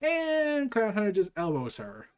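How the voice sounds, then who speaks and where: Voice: mid-range voice, wildly swooping pitch, unhurried, clean tone. A comic book reader recapping and reading a story aloud, casual, with rambling asides.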